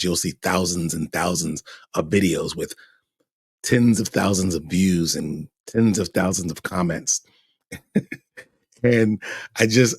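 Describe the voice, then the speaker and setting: A man's voice: low voice, breathy edge, no echo, clean studio sound. A middle-aged man hosting a podcast, giving chatty, meandering, opinionated commentary. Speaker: podcast host. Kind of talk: casual commentary.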